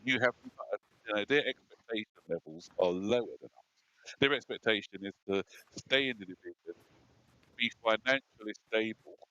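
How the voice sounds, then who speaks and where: A man's voice: fairly low pitch, normal speed, pushed and bright, no echo. A man rambling in casual chat, with many restarts, his audio breaking up over a video call. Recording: dull lo-fi online call audio.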